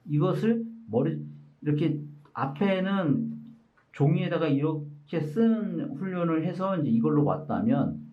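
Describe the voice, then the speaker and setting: Patient male teacher, lively pitch, muffled audio. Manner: patient, explains step by step, often reads sounds out slowly. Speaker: English teacher presenting his workbook. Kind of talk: explanatory lesson walkthrough.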